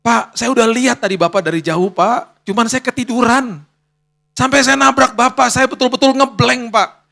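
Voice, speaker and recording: Man doing a tired young courier, tearful and apologetic, high pleading voice, bright tone. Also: moderate pace, gravelly, heavily acted. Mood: weary pleading. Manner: tearful pleading, repeating "Pak". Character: exhausted young male motorbike courier, apologetic.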